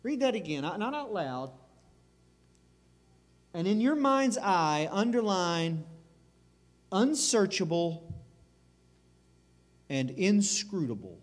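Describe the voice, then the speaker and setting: A man's voice: high-pitched, big pitch swings, takes it slowly, pauses often. A man preaching a sermon as pastor, earnest and emphatic, circling back over phrases. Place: church sanctuary. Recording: reverberant church sanctuary.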